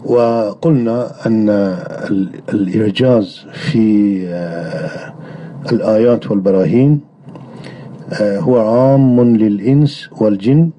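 A man delivering a religious lecture on creed in a measured way, often pausing on drawn-out hesitation sounds. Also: lowish voice, dark tone. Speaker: religious teacher. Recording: dull lo-fi recording.

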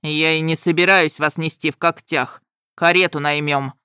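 A huge male dragon barks short, impatient orders in a low growl, voiced by a woman reading the story. The sound is dry and close. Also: steady tone, moderate pace, sharp tone, smooth, dry recording. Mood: gruff. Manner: growled, curt commands.

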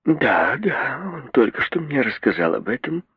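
A man's voice: medium pitch, expressive, unhurried, slightly rough, no room sound, pitched above the performer's own voice. A man playing a timid, fretful mother. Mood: frightened. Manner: fretful, pleading, breathless. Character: timid, anxious middle-aged mother. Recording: dull, muffled radio recording.

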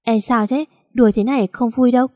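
A woman's voice: on the high side, steady tone, a little fast, dark tone, no room sound, studio quality, lightly acted. A woman voicing a young man, a heartbroken lover who pleads and cries out in anguish, read in a storytelling voice.

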